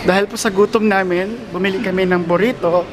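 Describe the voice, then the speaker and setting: A man's voice: sits high, fairly even intonation, fast. A man in his thirties with a Filipino accent, chatting casually as he vlogs through an airport on a handheld camera. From Philippines. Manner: chatty, mixes English and Tagalog. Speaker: vlogger. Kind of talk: casual travel vlog. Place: large airport terminal. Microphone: handheld camera mic. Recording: loud terminal noise behind.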